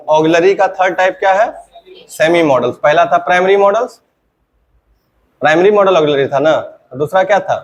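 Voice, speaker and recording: A man with a fairly high voice teaches grammar to a class. He keeps asking the students questions and answering them himself. He says each example sentence slowly, more than once.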